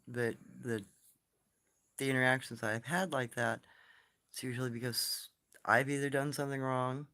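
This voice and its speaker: Recorded on his phone, this casual live stream features a soft-spoken man in a mid-range voice who rambles through stories and responds to viewer comments.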